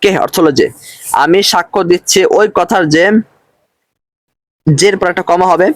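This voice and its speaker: A man teaching a recorded lesson, explaining slowly and patiently and repeating each phrase with its translation. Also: high voice, dry recording.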